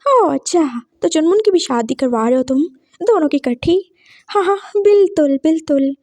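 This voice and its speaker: A woman voicing a calm, caring young man who speaks reassuringly in a story reading. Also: high-pitched, moderate pace, dry recording.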